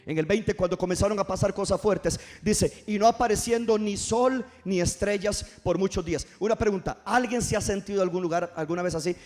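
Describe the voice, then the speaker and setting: A man's voice: high-pitched, a little fast, few pauses, darkish tone. A man preaching a passionate sermon, firing rhetorical questions at his congregation. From Costa Rica. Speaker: pastor. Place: church service.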